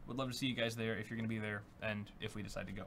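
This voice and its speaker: A young man co-hosts a tech show, talking rapid-fire in a lowish, steady, slightly bright voice. Upbeat and casual, he reads viewer donations aloud with plenty of filler words over faint background noise.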